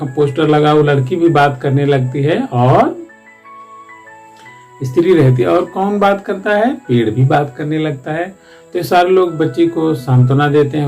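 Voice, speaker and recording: A man's voice: fairly high pitch, a little mellow. Man retelling a school play story. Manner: loose, rambling retelling with restarts. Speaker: teacher. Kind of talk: explaining a textbook play.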